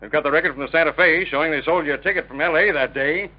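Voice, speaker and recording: An actor playing a hard-nosed, blunt police officer in a vintage radio crime drama, brusque, clipped and accusing. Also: male voice, on the high side, racing, natural voice. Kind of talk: 1930s-1940s radio crime drama acting. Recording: dull vintage radio recording.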